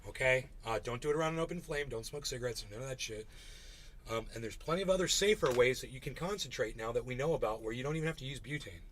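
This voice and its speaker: A man's voice: mid-range voice, fast, a bit bright, a little hiss or hum. A man hosting a casual livestream, talking bluntly to his chat and swearing freely. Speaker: livestream host.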